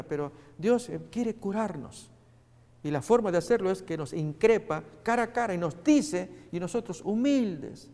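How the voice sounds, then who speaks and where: A man preaching a sermon, earnest and speaking straight to his listeners, pausing often with fillers. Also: high-pitched, creaky, darkish tone, long reverb tail. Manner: earnest, addresses listeners directly with many pauses and fillers.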